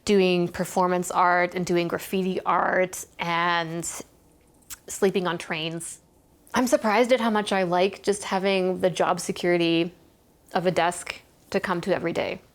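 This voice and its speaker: A woman's voice: on the low side, steady tone, measured pace. A woman playing an offhand studio worker. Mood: candid. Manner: candid, rambling, offhand. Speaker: game studio employee. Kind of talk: deadpan mockumentary interview.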